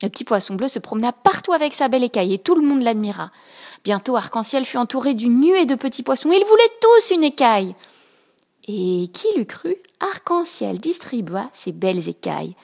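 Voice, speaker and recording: Woman reading a children's story softly. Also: on the high side. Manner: soft, expressive storytelling. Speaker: storybook reader. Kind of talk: reading a children's picture book aloud.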